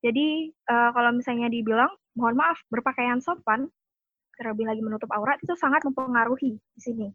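High-voiced woman on dry muffled audio. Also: brisk, dry recording. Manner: explains by citing an expert, polite apologies. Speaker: discussion panelist. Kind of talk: explanatory discussion.

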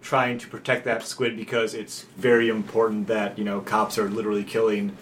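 A man co-hosting a podcast, casually explaining a film's story in quick bursts. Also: fairly low pitch, level tone, slight background noise. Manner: explains plot context in quick bursts, with restarts. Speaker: podcast co-host. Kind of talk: casual film discussion.

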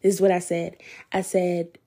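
A woman's voice: fairly low pitch, monotone, normal speed, warm tone. A woman hosting a podcast, candidly telling her personal faith testimony in a conversational, preacherly way. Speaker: podcast host.

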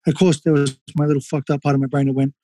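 A man's voice: on the high side, little pitch movement, fast, mellow. A man, a former kickboxer, telling stories in a casual interview, candid and swearing freely with lots of fillers.

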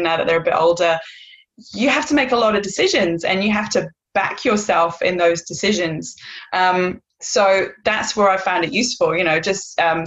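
A woman in her thirties talks through her answers in a loose, chatty way, with plenty of fillers along the way. Her voice sits a little low. The sound is muffled and lo-fi, like a video call. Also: fairly bright tone. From North Wales. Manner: chatty, many fillers, laughs easily. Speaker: guest. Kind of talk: casual interview answers.

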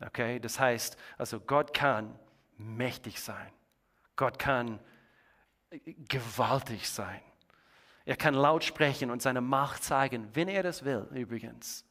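A male pastor delivering a sermon in a dramatic, expressive way, with strong swings in volume. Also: slow pace. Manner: dramatic, swings between booming and hushed.

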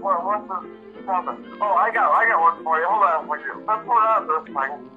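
A man's voice: sits high, moderate pace, faint music behind. Drunk man slurring over a speakerphone. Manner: slurred, rambling. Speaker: caller. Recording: muffled speakerphone line.

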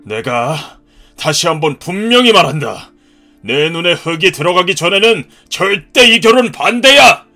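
A man's voice: high voice, lively intonation, unhurried, faint music behind, heavily acted. A man playing a hot-tempered ex-marine father. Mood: furious. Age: 50s. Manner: scolding, shouting. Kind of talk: cartoon story dub.

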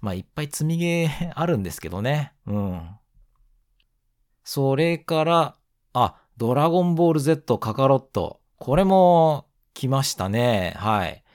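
A man of around forty with a nasal, stuffed-up voice from hay fever, hosting a casual solo gaming podcast in a polite, unhurried way. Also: mid-range voice, very animated, a little mellow, dry recording, clean studio sound. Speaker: podcast host.

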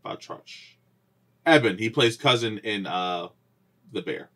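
A man co-hosting a casual podcast, teasing his partner and laughing often, sometimes dropping to a low mutter. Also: animated, takes it slowly. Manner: teasing, laughs a lot, drops low and quiet. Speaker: podcast co-host. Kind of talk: casual chat.

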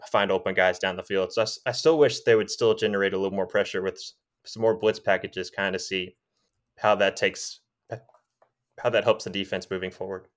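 A man's voice: deep voice, fairly even intonation, a little fast. A man co-hosting a casual sports podcast, talking earnestly and circling back to repeat his points. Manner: earnest, repeats himself, frequent yeahs. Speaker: podcast co-host.

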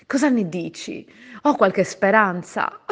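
Woman gushing in a voice note, low-ish voice, lots of ums and restarts. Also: fairly bright tone. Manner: chatty, gushing, many fillers and restarts. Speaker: podcast co-host sending a voice message. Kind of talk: casual voice-message monologue.

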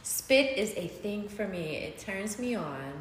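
A woman's voice: medium pitch, expressive, slow, a little hiss or hum. A woman chatting candidly and frankly as a podcast guest. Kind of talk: casual chat. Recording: echoey room.

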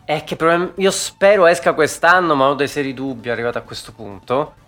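Male host, lively off-the-cuff stream chat, salty language, music low underneath. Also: fairly quick. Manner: animated, swears freely, frequent fillers. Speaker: talk show host. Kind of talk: casual live-stream chat.

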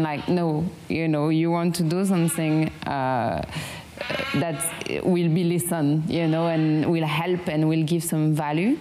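This meditation channel host is a French woman whose low voice carries a warm tone. Her casual guided meditation chat moves slowly and haltingly, full of fillers as she hunts for the right English words.

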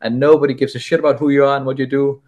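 A man's voice: medium pitch, little pitch movement, very fast, a little mellow. A man speaking as a podcast guest, telling a story casually, often stumbling and repeating words as he goes.

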